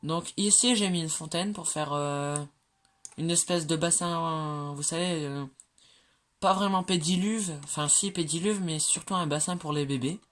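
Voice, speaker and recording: This is a game creator casually presenting their builds at normal speed, in a medium-pitched voice with a fairly bright tone. They hesitate a lot, fill gaps with fillers, correct themselves often, and stay chatty by poking fun at their own errors.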